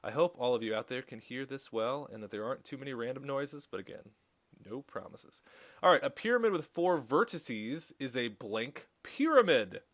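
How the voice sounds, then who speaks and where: A man teaching a recorded high school math tutorial, chatty and upbeat with corny jokes. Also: lively intonation, normal speed, fairly bright tone.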